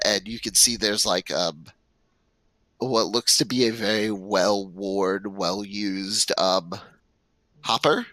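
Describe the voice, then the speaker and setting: A man's voice: lowish voice, bright, forceful tone, dry recording, poor audio. A man narrating a tabletop game as game master, rambling with many fillers.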